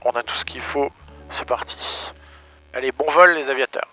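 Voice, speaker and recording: Pilot talking over a headset, dull sound. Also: male voice, mid-range voice, normal speed, pushed and bright. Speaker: pilot and vlog host. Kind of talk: aviation vlog commentary and radio calls. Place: small aircraft cockpit. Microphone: aviation headset. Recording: dull headset audio with music behind.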